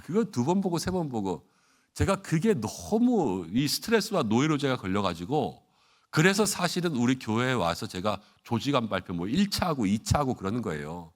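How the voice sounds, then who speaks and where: A middle-aged man, a senior pastor, giving an animated sermon at an early morning prayer service and acting out congregants' complaints along the way. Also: medium pitch.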